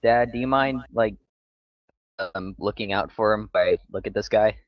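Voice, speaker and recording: A man playing at a tabletop game, his voice on the low side and his talk chatty and joking. The sound is dull and muffled, recorded dry and close. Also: normal speed, no echo. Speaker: player. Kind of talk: casual tabletop play.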